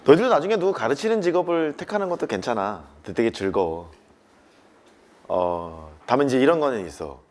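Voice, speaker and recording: A man's voice: mid-range voice, sing-song, fairly quick, darkish tone. A man teaching a math class, talking to students in casual speech and hammering points home by repetition.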